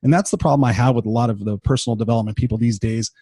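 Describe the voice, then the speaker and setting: A man's voice: medium pitch, rapid-fire, mellow, breathy edge, dry recording. A man in his fifties hosting a motivational podcast, talking bluntly and with profanity in an unscripted monologue while tired and unwell. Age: 50s.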